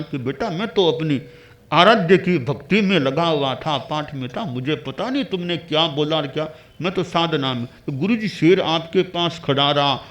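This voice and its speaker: A man giving a sermon, telling a parable and acting out the dialogue of a guru and his disciple in shifting voices. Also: a little high. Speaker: spiritual teacher. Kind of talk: sermon with storytelling.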